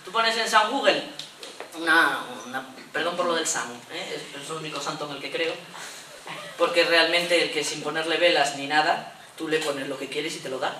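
Bright-voiced woman lecturing in an echoey room. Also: low-pitched, moderate pace, recorded from a distance, a little hiss or hum. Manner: lively, jokey, acts out little voices. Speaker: teacher giving a talk. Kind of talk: humorous lecture.

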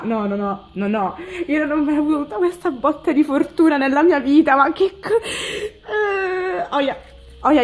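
A young woman unboxing an album on her vlog, overexcited, squealing and near tears as she talks to her viewers. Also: on the high side. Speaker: vlogger. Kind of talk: excited unboxing video.

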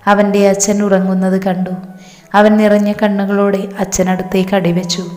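A woman narrating a romantic story in a steady, even reading voice. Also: mid-range voice. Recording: roomy with long reverb.

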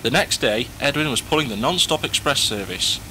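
Male narrator for a scripted story, bright delivery, mid pitch, slight background noise. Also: animated, fairly quick, low-quality recording.

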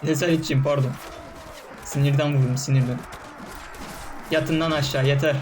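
A man's voice: a little high, fairly even intonation, normal speed, over music. A young man doing casual gameplay commentary, often frustrated, cursing and barking orders at his troops. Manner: frustrated, swearing, talking to game troops.

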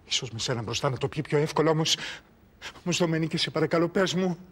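An actor playing a nervous male servant drawn into a poisoning plot, speaking in an anxious, pleading and hushed way. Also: fairly high pitch. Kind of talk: film drama acting.

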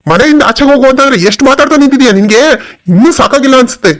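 A man's voice: extremely high pitch, racing, fairly bright tone. A man voicing a cruel, hot-tempered young husband in a cartoon, with a harsh, threatening manner. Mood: angry.

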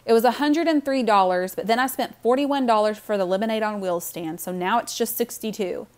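A woman voicing a guilty, defensive young boy in a storybook reading, loud and exasperated. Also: on the high side, fairly quick, voice pushed up, lightly acted. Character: boy Evan, guilty, defensive older brother.

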